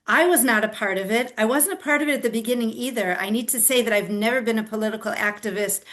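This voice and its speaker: An older woman, a grandmother and activist appearing as an interview guest, answers questions fast in a slightly high, somewhat bright voice. Her first language isn't Hebrew, and she explains earnestly with frequent fillers and restarts.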